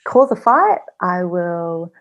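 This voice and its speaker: Chatty woman guest, low and lo-fi. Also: big pitch swings, slow. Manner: chatty, many fillers and self-quotes. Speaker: podcast guest. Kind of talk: casual personal interview. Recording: slightly dull lo-fi audio.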